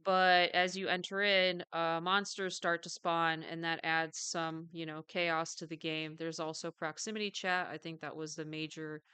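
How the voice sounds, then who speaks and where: Woman podcaster rambling casually, bright crisp voice, kinda low, dry close sound. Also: flat delivery, normal speed, few pauses, no echo. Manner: chatty, lots of fillers and self-corrections; self-described jumpy. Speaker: podcast co-host.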